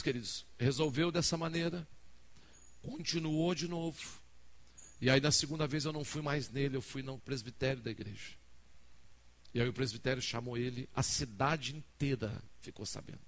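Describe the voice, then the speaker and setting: A man's voice: mid-range voice, a bit bright. A man from Brazil, a pastor preaching a sermon, telling a story and acting out each person's lines to the congregation. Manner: dramatic storyteller acting out dialogue, addressing the congregation. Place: church hall.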